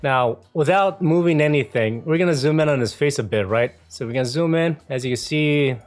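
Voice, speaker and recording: A man presenting a casual software tutorial in an informal way, often checking in with the listener as he explains each step. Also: a little high, fairly quick. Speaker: video editing tutorial presenter.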